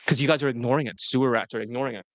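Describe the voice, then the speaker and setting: A man hosts as a dating coach, giving blunt promotional coaching talk that is brash and profane. He mocks his students with whiny, high-pitched put-on voices, speaking rapid-fire with fairly even intonation in a dry, low-quality recording.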